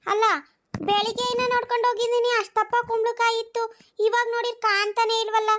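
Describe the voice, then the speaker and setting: A performer doing a squeaky, fast-talking nagging village granny. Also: fairly bright tone. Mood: suspicious. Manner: scolding, grumbling to herself. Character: nagging old village grandmother, scolding and suspicious. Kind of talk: cartoon voice acting.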